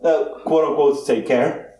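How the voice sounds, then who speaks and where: A man's voice: a little high, measured pace, crowd noise. Man, podcast co-host, rambling, filler-heavy, echoey room, distant mic, faint hiss. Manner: rambling, with many "like, you know" fillers. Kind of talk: casual podcast chat.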